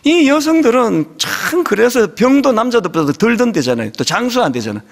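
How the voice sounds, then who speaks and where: High, lively-voiced male preacher. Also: fairly quick, gravelly. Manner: conversational storytelling, humorous and animated. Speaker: senior pastor. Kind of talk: sermon. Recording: long hall reverb in a big sanctuary.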